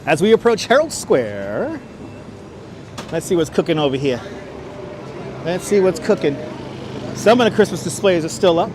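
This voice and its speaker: A man's voice: fairly high pitch, big pitch swings, moderate pace, long pauses, background noise. A man hosting a live walking stream outdoors on a city street. He talks casually on a clip-on wireless mic, chuckles often and chats with viewers. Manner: chatty, reads chat aloud, chuckles often. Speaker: livestream host.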